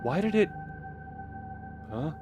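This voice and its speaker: A game streamer chats goofily while setting up a game, over loud music, rambling and repeatedly cutting himself off. His fairly high voice swings widely in pitch, and he talks slowly.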